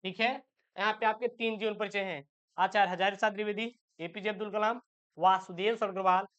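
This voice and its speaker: A male teacher, giving an exam-prep lesson. He reads set texts aloud slowly and keeps asking questions that he answers himself. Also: high voice, steady tone, fairly bright tone, clean tone, muffled recording.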